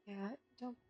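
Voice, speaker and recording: A woman streamer chatting wryly as she plays a video game and talks back to its characters. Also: dry recording. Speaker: gaming streamer. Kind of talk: casual gameplay commentary.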